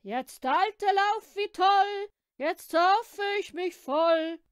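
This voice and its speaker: A woman voicing a gruff farmer driving a horse sleigh in a children's storybook, calling out loudly. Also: very high voice, extremely slow, no room sound, clean studio sound, full character voice. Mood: boisterous singing.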